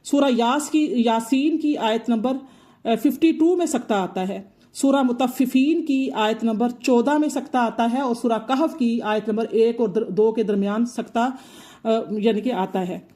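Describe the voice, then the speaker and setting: A woman's voice: a little high, unhurried, mellow. A woman teacher explaining Quran recitation rules patiently, often repeating her points. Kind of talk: explanatory tajweed lesson.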